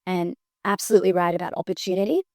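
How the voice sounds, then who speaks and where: A woman's voice: on the low side, steady tone, racing, darkish tone, dry recording, clean studio sound. A woman, co-hosting a podcast in reflective, personal chat with some stumbles. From Australia. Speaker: podcast co-host, business partner.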